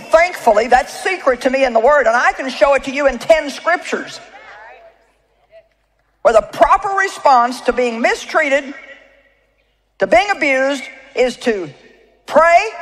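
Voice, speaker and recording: A woman's voice: high voice, poor audio. A woman preacher giving a sermon to a live audience, emphatic and storytelling, often asking the crowd rhetorical questions. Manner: storytelling with personal anecdotes.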